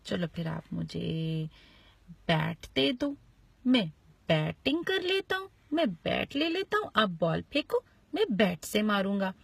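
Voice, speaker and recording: A woman voicing a friendly, fair-minded little boy in a children's story, with a husky, cheerful and coaxing voice. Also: mid-range voice, very animated, slow, no room sound, exaggerated voice.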